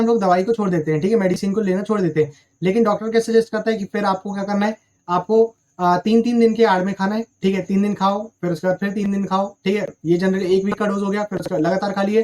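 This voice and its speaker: A man's voice: high voice, darkish tone. A young man teaching exam vocabulary in a recorded lesson, explaining each word with rhetorical questions and checking in after almost every line.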